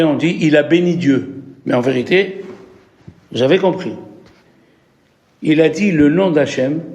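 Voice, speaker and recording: A man leading a religious lesson as a rabbi. His voice sits fairly high and stays animated as he quizzes the people in front of him. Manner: animated, asks the audience questions. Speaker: rabbi teaching a class.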